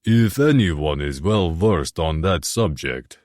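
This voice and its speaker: A man doing a slow Russian-accented crime boss. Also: sits low, lively intonation, a little mellow, no echo, studio quality. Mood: wry. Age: older. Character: older Russian crime boss father, dry humor.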